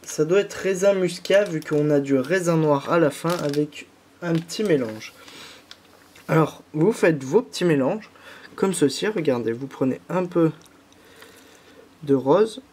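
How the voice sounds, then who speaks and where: A young man from France, a bit congested from a head cold, has a fairly high, darkish voice with lively intonation, speaking a little slowly with long pauses over slight hiss or hum. As a YouTuber, he patiently walks viewers through each step of a candy kit, using many fillers.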